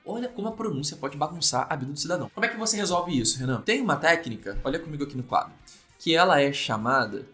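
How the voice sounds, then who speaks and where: Lively Brazilian man teaching English. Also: fairly high pitch, quick pace. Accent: Brazilian Portuguese. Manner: lively, animated, voices mock student questions. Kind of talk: energetic video lesson at a whiteboard. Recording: echoey room with faint music.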